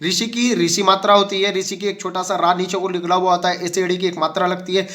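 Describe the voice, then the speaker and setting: A man's voice: high-pitched, flat delivery, a little fast, bright, forceful tone. A male teacher giving an exam-prep lesson, asking the class questions and answering them himself. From India.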